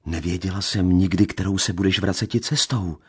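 A man's voice: deep voice, fairly even intonation, slightly rough. A man reading the part of a frightened, timid young woman who answers in short, shaky replies.

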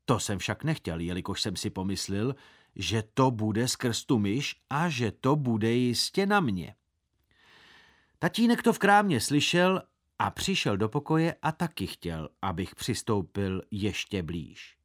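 A man's voice: fairly low pitch, big pitch swings. A man narrating a children's story aloud as a boy in the first person, telling it expressively.

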